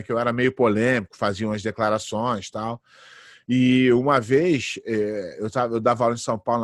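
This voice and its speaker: A man in his late thirties, a jiu-jitsu fighter, telling lively anecdotes in a casual interview. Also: mid-range voice, no echo, studio quality. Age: late 30s. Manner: animated anecdotes, acts out quoted voices.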